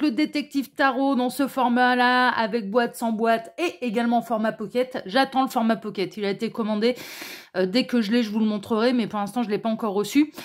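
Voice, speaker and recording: A woman with a somewhat high voice hosts her own tarot channel and talks straight to the camera. She rambles casually, restarts her sentences and fills the gaps with little sounds, now and then sinking to a soft murmur while she draws cards. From France. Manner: chatty, many fillers and restarts, drops to a low murmur while shuffling. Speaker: tarot reader and channel host.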